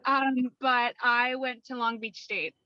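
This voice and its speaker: A woman calls in on her car speakerphone while driving and gives a quick, casual introduction. Her voice sits high and sounds bright and forward. The lo-fi phone line makes it muffled and dull. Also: fairly even intonation. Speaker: student on a group video call. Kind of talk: brief spoken self-introduction. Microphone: phone speakerphone in a moving car.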